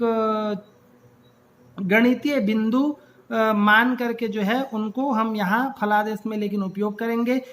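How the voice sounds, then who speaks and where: A woman teaching astrology basics in a patient, step-by-step explanatory lecture, often pausing in hesitation. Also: a little high, fairly bright tone, slight background noise.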